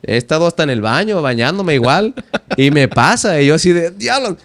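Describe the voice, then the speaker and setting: A man's voice: a little high, a little fast, no room sound. A man in his twenties with a Mexican accent, a poet and teacher, talking in a casual podcast interview, acting out his own quoted lines as he tells stories. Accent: Mexican Spanish. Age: 20s. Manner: animated storyteller who acts out his own quoted lines. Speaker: guest poet and language teacher.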